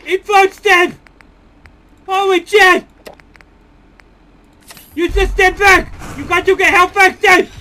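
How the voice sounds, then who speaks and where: A man's voice: sharp tone, slight background noise, full character voice. A man voicing Steve, a dim, hot-headed character who talks about himself in the third person and curses while playing a game. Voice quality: high creaky voice, cursing, third-person talk. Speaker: gameplay commentator. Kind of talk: let's play commentary.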